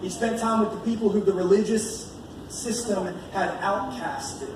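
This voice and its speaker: A high-pitched, fairly even-toned American man speaks a little slowly while preaching informally and conversationally. Earnest in manner, he works through scripture, reading and explaining it and repeating key phrases for emphasis. The room is a large, echoey church space, recorded from a distance with background noise.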